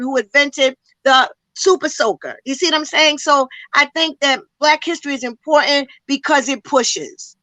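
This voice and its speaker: Her voice high, bright and forceful, a woman who works as a community educator speaks fervently in a panel discussion, emphatic and slightly winded, asking one rhetorical question after another. The recording is dry and rough.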